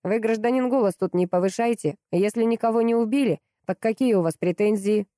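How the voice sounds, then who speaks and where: A defiant police captain, officious and challenging, as a woman narrator puts him on. Mellow tone, dry close recording. Audiobook character reading. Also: a little high, a little fast, no echo, pitched above the performer's own voice, natural voice.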